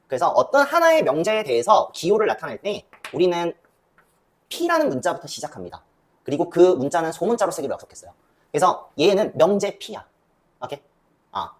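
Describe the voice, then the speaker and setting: Lively woman math teacher lecturing. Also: lowish voice, a little hiss or hum. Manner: lively, asks and answers her own questions. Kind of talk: classroom lecture.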